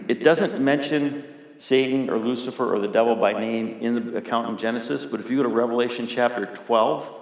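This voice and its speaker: A man's voice: medium pitch, creaky. A middle-aged man preaching a sermon as pastor, talking conversationally and putting questions to the congregation. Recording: echoey hall with long reverb.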